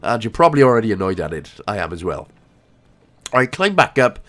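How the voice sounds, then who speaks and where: Man, game walkthrough commentary, ill with a cough, jokey, animated, wide-ranging pitch. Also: a little fast. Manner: jokey, animated, self-mocking asides. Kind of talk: casual gameplay commentary.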